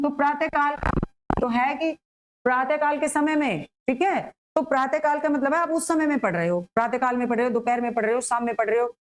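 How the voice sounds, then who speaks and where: A woman teaching an exam-prep grammar class in a high, light voice. She talks her students through each example, asking a question and then answering it herself. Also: poor audio. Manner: explains slowly, asks and answers her own questions.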